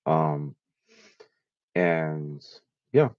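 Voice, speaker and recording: A man's voice: extremely low pitch, lively intonation, drawn-out words, no room sound, narrow, tinny audio. A man of about fifty from Puerto Rico, a guest in a casual chat, talking at length and listing facts one after another. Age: around 50. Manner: chatty, lists facts at length.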